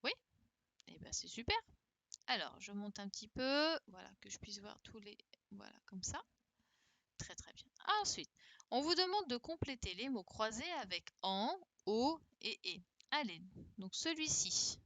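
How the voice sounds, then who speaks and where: Teaching online through a computer mic, a primary school teacher speaks slowly and deliberately in a bright, slightly high voice with big pitch swings. The recording is dry and close with no room sound, and she coaxes pupils by repeating each question.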